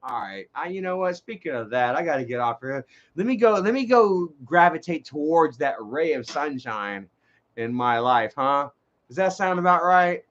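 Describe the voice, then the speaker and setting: A man's voice: a little high, expressive, normal speed, a bit bright, dull audio. A man, rambling and swearing in a casual live stream, often restarting his sentences. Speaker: livestream host.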